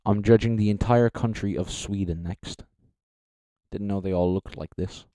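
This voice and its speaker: A young man with a fairly low voice talks through his judging on a live stream. He rambles, corrects himself mid-sentence and swears without a second thought. The sound is close and dry. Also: fairly even intonation, moderate pace, warm tone, no echo. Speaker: streamer judging beatbox entries. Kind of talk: casual live-stream commentary.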